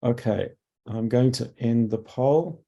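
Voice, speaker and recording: A man with a medium-pitched, warm voice presents a webinar as a product manager, croaky from a cough, hesitant with fillers and throat-clearing. The sound is lo-fi.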